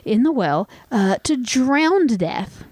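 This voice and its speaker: A woman's voice: on the high side, sing-song, slow pace, a little mellow, breathy edge, no room sound. A young adult woman co-hosting a podcast, telling a story in loose, casual chat with plenty of fillers and swearing. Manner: swearing, filler-heavy, laughs often. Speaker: podcast co-host.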